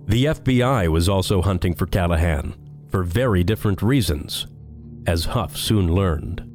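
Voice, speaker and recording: A low-voiced man reads the narration of a crime podcast in a measured, even delivery. Faint music runs under his voice. He sounds steady and scripted.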